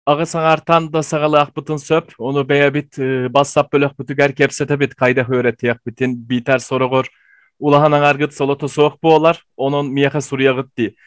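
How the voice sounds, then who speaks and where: A man giving an online language lesson, explaining slowly with frequent pauses and fillers. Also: a little high, no echo. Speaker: language teacher.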